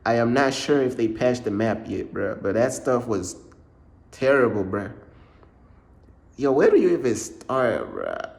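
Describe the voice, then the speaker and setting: A man's voice: mid-range voice, big pitch swings, a little slow, gravelly. A young man from Uganda telling a rambling storytime vlog about his faith, peppering his talk with "bruh" and "bro.". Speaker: faith vlogger.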